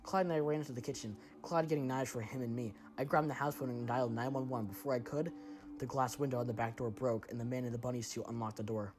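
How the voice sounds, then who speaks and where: A man's voice: mid-range voice, steady tone, fast talker. A man narrating a first-person horror story in a tense, dramatic way.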